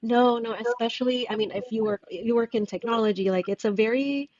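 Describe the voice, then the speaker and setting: A woman talks through her thoughts in a guest interview, pausing often and restarting as she finds the right words. Her voice comes through a video call with muffled, lo-fi sound. The room sounds close and dry, with no echo. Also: fairly high pitch, a little mellow. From Indonesia. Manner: thoughtful, searching for words with many fillers and restarts. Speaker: guest author. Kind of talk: casual interview conversation.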